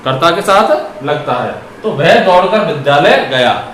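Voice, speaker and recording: A high-pitched man teaching a grammar lesson, putting questions to his students and answering them himself. He stretches his words out slowly when dictating examples. The room echoes, and there is a faint hiss in the background. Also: animated, fairly bright tone.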